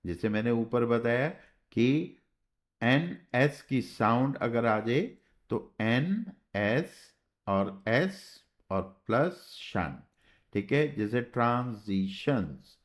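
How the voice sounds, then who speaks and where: A man's voice: medium pitch, lively intonation. A man teaching a shorthand class, explaining step by step in a patient way and often checking with "okay". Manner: slow, patient, spells out sounds and checks with "theek hai". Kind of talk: classroom lesson.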